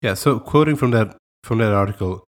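The young podcast co-host, a Portuguese man with a matching accent, talks a bit quickly in a lowish voice. The conversation is easygoing, full of hesitations and laughs.

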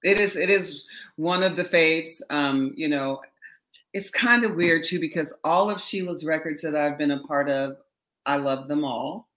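Lively middle-aged woman telling stories. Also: low-pitched, measured pace. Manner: animated storyteller, laughs often, acts out quotes. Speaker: interview guest, backing singer. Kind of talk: casual interview chat.

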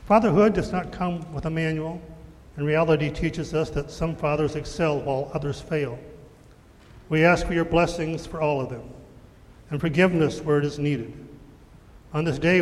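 A man leading the prayers of the church in a measured, solemn way, his voice ringing with a long echo in a large church. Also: a little high. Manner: measured, solemn liturgical reading. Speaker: worship leader. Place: church sanctuary.

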